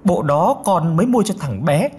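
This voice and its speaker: A frantic young mother, as a male narrator puts her on, crying out high and loud. Her lines leap and swoop in pitch. This is an audiobook reading with faint noise behind. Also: very animated, moderate pace. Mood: wailing. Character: distraught young mother wailing for lost son.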